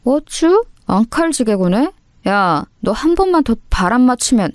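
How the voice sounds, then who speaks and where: A woman's voice: a little high, big pitch swings, unhurried, no room sound, pitched above the performer's own voice. Woman playing a cocky school bully boy, threatening and swaggering, dry audio story voice. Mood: menacing swagger. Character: menacing teenage male school bully.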